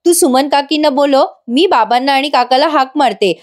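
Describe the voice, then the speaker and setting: A woman's voice: high voice, normal speed, pitched above the performer's own voice, lightly acted. A woman voicing a scheming young daughter who feigns sweetness toward her mother. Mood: sugary.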